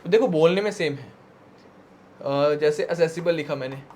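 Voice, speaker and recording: A male exam coach with a high-pitched voice gives a mixed Hindi and English vocabulary lecture. He reads each English definition out slowly and often checks that the students are following. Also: a little mellow, slight background noise. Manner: explains patiently, reading English definitions slowly; tag questions to students. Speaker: exam prep teacher.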